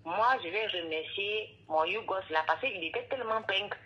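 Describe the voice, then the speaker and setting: A woman's voice: medium pitch, normal speed. Cameroonian woman calling in over a muffled phone line. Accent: Ivorian French. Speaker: caller. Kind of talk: phone call to a radio show.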